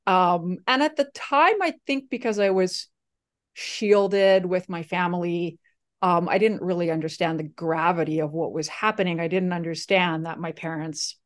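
This guest is a Slovak woman from Slovakia whose voice is fairly low and whose pace is moderate. Her interview account is casual, peppered with fillers and false starts.

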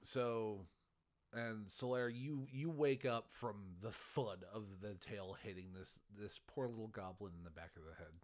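A man's voice: on the low side, unhurried. A man running a tabletop game as game master, rambling and correcting himself, laughing often.

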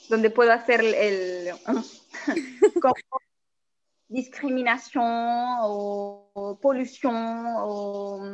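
A woman, a guest telling a story in a casual, animated way and acting out what people said. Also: mid-range voice, muffled recording, a little hiss or hum. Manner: animated, laughs often, acts out quotes. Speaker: interview guest.

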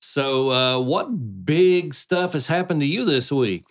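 A man's voice: a little high, expressive, slow pace. A middle-aged man hosting a casual podcast with his son, talking in a folksy, joking way. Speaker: podcast host, dad.

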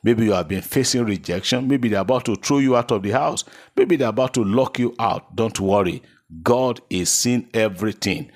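A man's voice: fairly low pitch, normal speed. A man with a Nigerian accent preaching a sermon as a pastor, speaking in fervent, repeated declarations and promises to his listeners.

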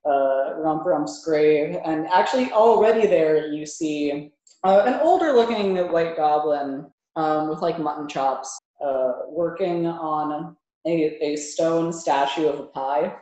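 Female game master, low pitch, halting casual improvised narration, very roomy recording. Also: dark tone, highs cut off. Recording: roomy, echoing tabletop recording.

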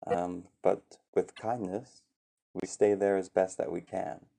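A man leading a meditation session in a calm, gentle teaching voice with some fillers. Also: low voice, a little slow, creaky. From USA. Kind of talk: calm guided meditation talk.

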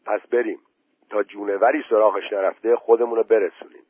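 Man playing sneaky scavenger leader, urgent and hushed, husky low voice, tinny phone-like sound. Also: steady tone, no echo. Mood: scheming.

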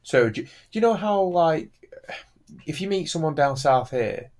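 A man's voice: a little high, expressive, measured pace, a little mellow. A man from northern England hosts a casual podcast chat in his northern English accent. He jokes around, swears freely, and keeps asking follow-up questions. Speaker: podcast host.

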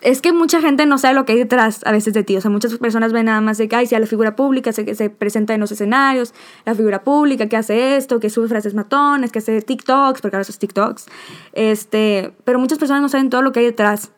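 A woman's voice: on the high side, fast talker. A young woman hosting a podcast, talking heartfelt and rambling. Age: young adult. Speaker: podcast host. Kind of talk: emotional podcast chat.

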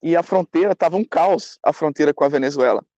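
A man's voice: a little high, a little fast, darkish tone, no room sound, lo-fi sound. A young man telling a travel story in a casual, dramatic way, acting out scenes and dropping in conversational fillers.

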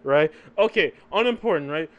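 Man, podcast co-host, casual comic talk, slightly high voice, keeps asking "right?". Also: animated, moderate pace, highs cut off. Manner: tags sentences with "right?"; laughs often between points. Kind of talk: casual comic book discussion.

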